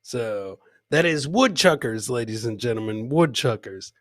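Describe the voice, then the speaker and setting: A man's voice: medium pitch, lively intonation, a little slow, a bit bright, no room sound, clean studio sound. A middle-aged man hosting a live comedy show, bantering casually with chat and repeating phrases like a hype man. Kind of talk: casual livestream banter, reacting to clips and chat. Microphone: close podcast mic on boom, headset.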